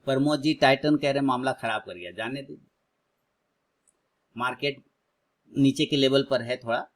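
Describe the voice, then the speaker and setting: A man in his thirties hosting a live trading stream, with a voice of ordinary middle pitch. He talks casually with his viewers and shifts to loud, excited cheering when a stock moves. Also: normal speed. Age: 30s. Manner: excitedly cheers prices on, then chats calmly with viewers.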